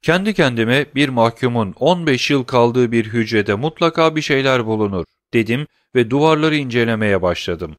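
A man voicing a humble, eager male prison doorkeeper in a storybook reading, speaking in a deferential, excited way. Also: mid-range voice, normal speed, few pauses, no room sound, clean studio sound, lightly acted.

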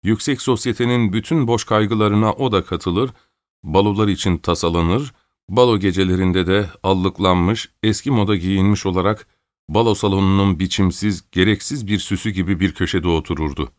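A man narrating an audiobook in a steady, measured storytelling manner. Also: low-pitched, no room sound, clean studio sound. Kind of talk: audiobook reading.

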